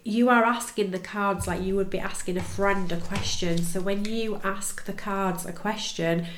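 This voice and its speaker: A woman's voice: mid-range voice, steady tone, moderate pace, a little hiss or hum. Congested, nasal woman in an echoey room. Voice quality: blocked, nasal voice, as if nose pinched. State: congested with blocked sinuses. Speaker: podcast guest, tarot reader. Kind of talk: casual podcast chat. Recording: roomy, echoey sound.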